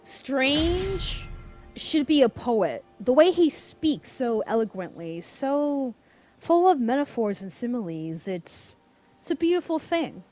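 A woman chats casually as she plays a video game. Her voice is high and lively, with an unhurried, gushing delivery. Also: soft background music. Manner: gushing, chatty, reacts aloud to characters. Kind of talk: casual gameplay commentary.

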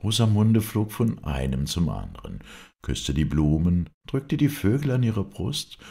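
A man reading an old fairy tale aloud as an audiobook narrator, expressive and dramatic. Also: rumbling low, gravelly. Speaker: audiobook reader. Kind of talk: storybook narration.

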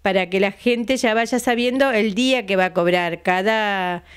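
At a moderate pace and mid pitch, her clean-toned voice carries an Argentine Spanish accent. The older woman, who runs a retirees' center as its president, is chatting in a local TV interview in her living room, speaking into a mic the interviewer holds in hand. She repeats dates patiently and tags her sentences with questioning asides.

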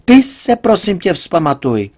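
A man playing an agitated, hot-tempered middle-aged father who blusters and shouts in indignation. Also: fairly low pitch, wildly swooping pitch, husky, full character voice. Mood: furious.

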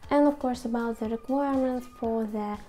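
In a small, quiet room at home, a YouTube host in her twenties gives scripted advice to the camera in non-native English phrasing. Her voice is fairly high and dark-toned, with a steady delivery at a moderate pace.

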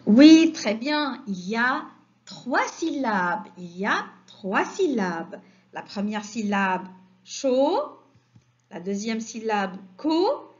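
Woman teacher doing a kids reading lesson, super slow, sounds out every syllable, kinda dull lo-fi audio. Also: mid-range voice, lively intonation. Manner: slow, sing-song, stresses each syllable. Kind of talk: phonics lesson for young children.

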